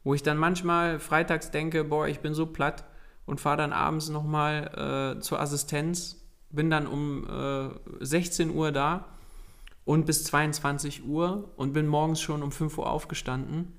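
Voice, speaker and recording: A man's voice: on the high side, level tone, unhurried, a bit bright. A young adult man co-hosting a podcast, talking earnestly and urging listeners directly, with frequent fillers. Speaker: podcast co-host. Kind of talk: casual coaching talk.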